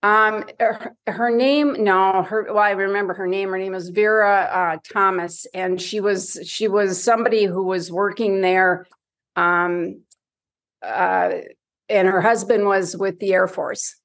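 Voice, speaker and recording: A woman's voice: mid-range voice, steady tone, unhurried, fairly bright tone. A woman from Michigan's Upper Peninsula answering interview questions in a candid, reflective, conversational way. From Michigan's Upper Peninsula, United States. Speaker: interview guest, retired or career diplomat.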